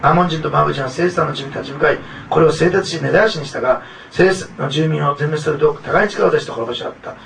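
A man's voice: on the high side, quick pace, creaky, few pauses, fairly bright tone, recorded from a distance, a little hiss or hum, rough recording. A man preaching a sermon as pastor, earnest and repetitive, with frequent asides to the congregation.

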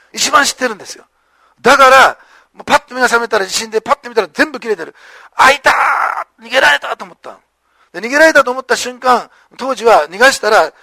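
A male pastor preaching a sermon with animated storytelling, acting out the lines of the people in the story. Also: high-pitched, creaky, no echo.

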